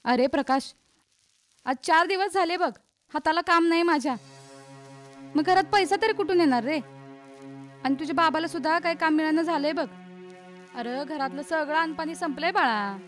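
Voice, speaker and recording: A woman's voice: high voice, moderate pace, pauses often, faint music behind, lightly acted. An actress playing a fretful mother. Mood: worried nagging. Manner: fretful, nagging. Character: worried poor village mother, fretful and nagging. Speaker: mother of a schoolboy.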